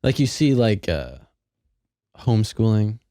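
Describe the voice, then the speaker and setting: A man hosts a podcast with a mellow, dark voice, recorded dry and close. He talks in a laid-back way, tossing in "dude" and casual swearing as he chats. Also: lowish voice, very animated, measured pace, no echo. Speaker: podcast host.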